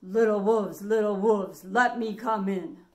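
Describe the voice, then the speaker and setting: A woman voicing a big bad storybook pig, a grunting villain who makes forceful, drawn-out threats. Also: mid-range voice, steady tone, roomy sound, close to an everyday voice. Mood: menacing.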